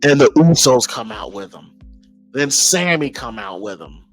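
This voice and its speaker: An American man hosts a podcast, offering casual, emphatic opinions in an animated voice of medium pitch at a measured pace. He thinks aloud informally, often repeating phrases, with faint music in the background.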